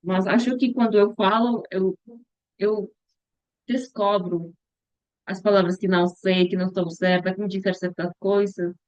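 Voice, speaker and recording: A young woman muses through a casual vlog in a slow, hesitant voice. She pauses often, hunts for words, and restarts her phrases mid-sentence. The recording is dry and slightly muffled, with no room echo and a dull, lo-fi edge. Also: mid-range voice, steady tone, darkish tone. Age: young adult. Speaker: future missionary practicing a language. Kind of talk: casual reflective vlog monologue.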